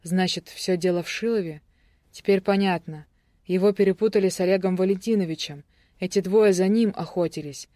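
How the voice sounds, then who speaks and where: A narrator giving a steady, even audiobook reading of a thriller. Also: mid-range voice, brisk, dry recording, studio quality.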